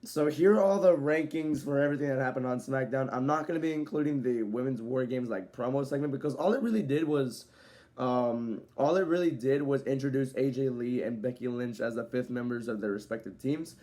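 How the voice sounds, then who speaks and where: A man talks through a casual video review in a loose, rambling way at a mid-range pitch. He leans on easygoing fillers between points and sometimes rushes ahead. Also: mellow. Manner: rambling, loose delivery with frequent "so, yeah" fillers; at times speeds up. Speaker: wrestling show reviewer.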